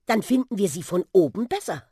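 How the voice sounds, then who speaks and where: A woman's voice: medium pitch, animated, brisk, warm tone, husky, dry recording, studio quality, pitched above the performer's own voice. A woman voicing a curious, kind young boy who keeps asking eager questions, in a storybook reading.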